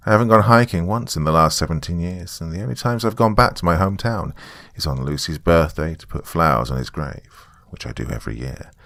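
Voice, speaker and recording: A man with a low-pitched, fairly bright voice narrates horror stories and hosts as a storyteller. He delivers dramatic first-person narration and a casual sign-off in a dry recording.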